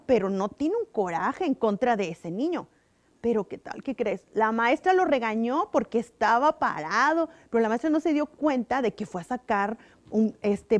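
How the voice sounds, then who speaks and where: A woman giving an animated object lesson to children, often asking them questions. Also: high voice. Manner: animated, sing-song, asks kids questions. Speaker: children's church teacher.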